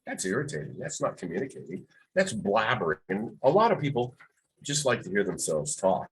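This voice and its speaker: A man's voice: lowish voice, big pitch swings, fairly quick, slightly rough, low-quality recording. A middle-aged man, a veteran radio broadcaster, giving advice in an interview and telling stories with quoted voices. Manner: storytelling, acts out quoted voices. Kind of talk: reflective interview talk.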